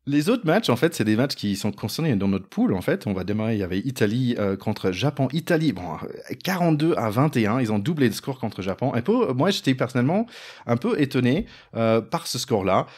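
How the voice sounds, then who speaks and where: A man's voice: medium pitch, sing-song, brisk, a little mellow. A man hosting a sports podcast in casual chat, leaning on fillers and laughing easily. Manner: chatty, fills with "en fait", laughs easily. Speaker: podcast host.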